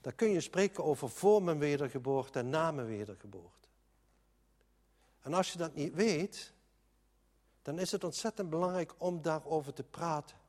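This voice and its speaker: A man's voice: fairly high pitch, expressive, moderate pace, darkish tone, long reverb tail. A man preaching a sermon in an earnest, emphatic way, often restarting his sentences.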